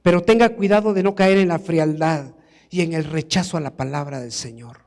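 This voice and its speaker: A man's voice: on the high side, moderate pace, darkish tone, long reverb tail. A man preaching a sermon in a church, emphatic and building to exclamations. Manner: emphatic, rises to exclamations and acted quotes.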